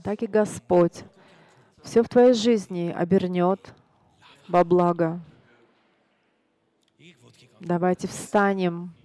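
A man preaching a sermon, telling stories in an earnest, halting way with frequent restarts. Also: sits high, fairly even intonation, darkish tone, no echo. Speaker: pastor. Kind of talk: sermon storytelling.

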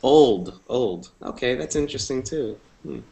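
A man's voice: mid-range voice, animated, a little slow, creaky, dark tone. A man in his thirties teaching an online English class over video call, upbeat and repeating short phrases. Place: indoor room, video call. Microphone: earphone headset mic.

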